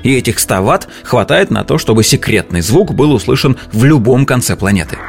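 Male explainer presenter, middle-pitched, conversational, with faint music underneath. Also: lively intonation, fairly quick, creaky. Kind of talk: informal explainer narration.

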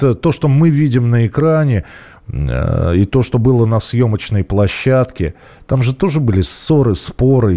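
A man hosting a call-in radio show, his voice low and warm. He muses through his thoughts at an easy conversational pace, with plenty of fillers. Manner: conversational, musing, with frequent fillers. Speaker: radio host.

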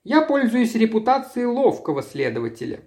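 A calm, smooth investigator with a soft, conciliatory manner, voiced by a man reading an audiobook. He questions gently but never lets go. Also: very high voice, moderate pace, pitched above the performer's own voice, heavily acted. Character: calm, smooth middle-aged male investigator.

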